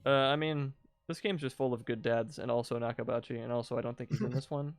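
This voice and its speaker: A man with a mid-pitched voice reads out a visual novel as its let's play host. He mixes narration with joking commentary, and music plays faintly behind him. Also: fairly even intonation, fast, smooth.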